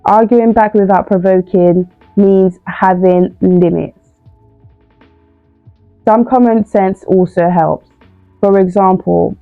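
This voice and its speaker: A woman's voice: lowish voice, no echo. A young woman giving informal advice, casual and repetitive with many fillers. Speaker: youth crime-prevention speaker. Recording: tinny phone-like sound, dry.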